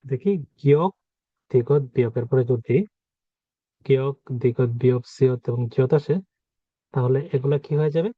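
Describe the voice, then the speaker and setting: A man's voice: mid-range voice, steady tone, normal speed, long pauses, no room sound. A man teaching pronunciation, patiently repeating each example word as he explains the rules. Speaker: language teacher. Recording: dry, phone-like narrow sound.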